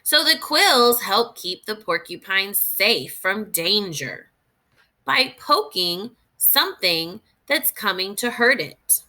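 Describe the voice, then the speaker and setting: Reading aloud to young children as a teacher might, a woman sounds expressive and instructive; she pauses to work through questions, and her pitch is medium.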